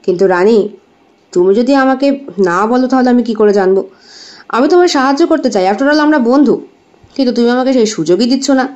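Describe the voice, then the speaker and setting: A woman's voice: a little high, a little fast, pauses often, darkish tone, natural voice. A woman doing an earnest young doctor. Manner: earnest and reassuring. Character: young man, caring doctor, devoted suitor. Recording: dull lo-fi recording.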